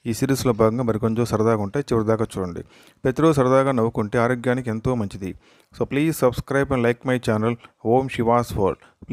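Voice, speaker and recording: A man's voice: mid-range voice, no echo, clean studio sound. A man hosting his own channel, reading out short jokes one after another in a plain storyteller's delivery. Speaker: channel host.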